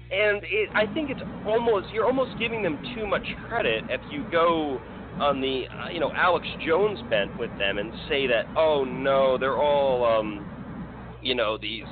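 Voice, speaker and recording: A man's voice: a little high, background noise. Man on a tinny phone-like line. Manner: rambling, many restarts and fillers, laughs often. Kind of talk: casual political chat.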